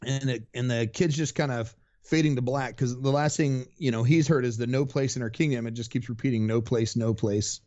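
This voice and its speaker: A man's voice: medium pitch, fairly even intonation, a little fast, few pauses, a little mellow, lo-fi sound. A man co-hosting a podcast, casually retelling a comic in a rambling way, full of fillers. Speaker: podcast co-host. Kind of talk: casual chat recapping a comic.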